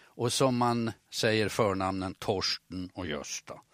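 A man from northern Sweden with a northern Swedish accent, a radio host calmly explaining and telling a story. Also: on the low side, dry recording, clean studio sound. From Norrland, northern Sweden. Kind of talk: radio talk on language and family history.

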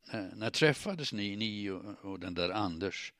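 A man reading the part of a calm, protective man who speaks quietly and steadily. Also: lowish voice, dry recording, studio quality. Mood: tense.

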